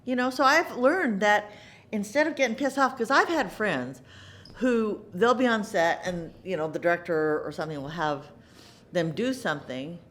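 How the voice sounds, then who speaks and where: A middle-aged woman in a theater interview, her pitch rising and falling freely as she talks. She reflects on her work in an animated, earnest way. She often doubles words for emphasis and brings quoted lines to life as she goes. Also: normal speed. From United States. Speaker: actress interviewee.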